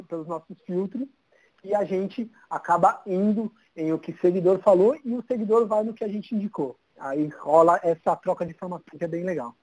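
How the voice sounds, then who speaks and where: A man's voice: high voice, darkish tone, rough recording. A man in his thirties with a São Paulo Brazilian accent, chatting informally as an interview guest. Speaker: interview guest, social media city guide creator. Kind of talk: casual chat.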